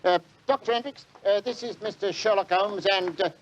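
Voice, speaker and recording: An actor playing a blunt, dogged working-class London police inspector with halting, colloquial speech in a 1940s radio drama. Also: male voice, high voice, dull audio, slight background noise, close to an everyday voice. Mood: dogged, skeptical. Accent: London working-class English.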